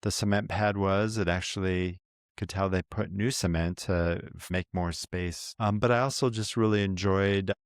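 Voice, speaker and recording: Easygoing low-voiced man co-hosting a vlog. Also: steady tone, normal speed, dry recording, studio quality. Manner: easygoing, thoughtful, explains at length. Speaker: co-host of an RV travel vlog. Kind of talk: casual chat.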